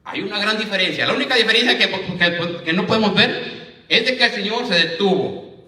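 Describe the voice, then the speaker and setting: A man's voice: sits high, moderate pace, bright, forceful tone. A man preaching a sermon as minister, reading scripture aloud and often asking his listeners "right?". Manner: addresses listeners as "hermano", asks "¿verdad?". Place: church congregation. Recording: echoey church, voice from a distance.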